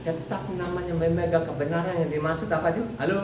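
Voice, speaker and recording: A woman's voice: lowish voice, steady tone, fast talker, background noise. A woman preaching a sermon in a repetitive, conversational way, often calling out to the congregation. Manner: repetitive, addresses the congregation as "saudara". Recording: echoey room, mic far off.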